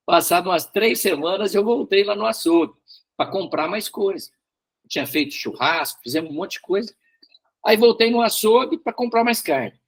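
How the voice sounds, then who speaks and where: A man leads a Bible study with a high, husky voice that rises and falls a great deal. He tells a story in a loose, repetitive way and keeps checking in with his listeners. His delivery sounds informal and unscripted. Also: fairly bright tone. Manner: repeats words, frequent tag questions.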